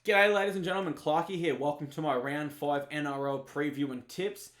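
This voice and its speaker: A man's voice: on the high side, steady tone, a little fast, fairly bright tone, echoey room. A young Australian man giving casual, chatty rugby league tips and often calling his viewers "guys". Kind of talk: informal tipping preview.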